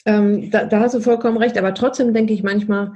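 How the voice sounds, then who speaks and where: Woman host, chatty storyteller, breathy tone. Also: medium pitch, fairly even intonation, a little fast, warm tone, dull audio. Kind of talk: casual conversation.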